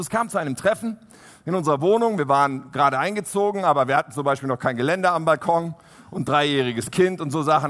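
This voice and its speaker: A man preaching a sermon to a congregation. He is animated, swinging from loud emphasis to soft, quiet asides. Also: a little high. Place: church hall. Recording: long hall reverb.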